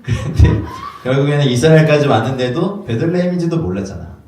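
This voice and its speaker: A man preaching a sermon as a pastor, lively and acting out little dialogues in playful voices. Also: fairly high pitch, fast. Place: church hall. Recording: echoey room from far off.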